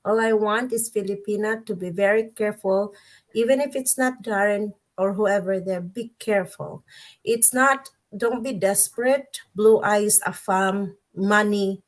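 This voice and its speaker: A woman hosting a casual livestream chat, candid and quick to laugh and scoff. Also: medium pitch. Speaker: host.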